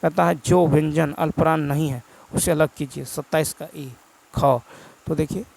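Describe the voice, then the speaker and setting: A man's voice: on the high side, steady tone, moderate pace, gravelly, a little mellow, poor audio. A male teacher, with a Bihar Hindi accent, goes through exam prep answers, reading each question and then repeating the answer.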